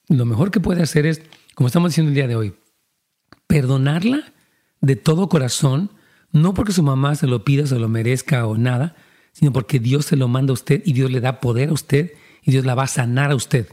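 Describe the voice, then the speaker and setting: A man's voice: mid-range voice, warm tone. A man, a pastor giving earnest counseling talk and speaking directly to listeners.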